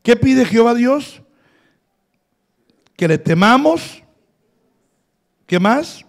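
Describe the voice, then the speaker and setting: High gravelly preacher man. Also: big pitch swings, drawn-out words. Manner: emphatic preaching with call-and-response repetition. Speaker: pastor. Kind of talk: sermon.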